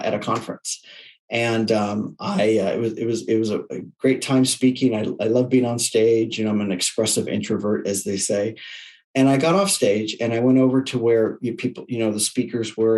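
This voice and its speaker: A middle-aged man, a leadership coach, telling stories in an interview, expressive, with frequent restarts and repeated words. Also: mid-range voice. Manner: expressive, many restarts and repetitions. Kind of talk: conversational interview storytelling.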